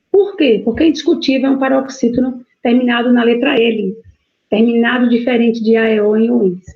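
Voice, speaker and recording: A woman's voice: a little high, muffled recording. A woman with a Brazilian Portuguese accent teaching a live online essay-writing lesson, explaining step by step, dictating punctuation aloud and often checking in with her students.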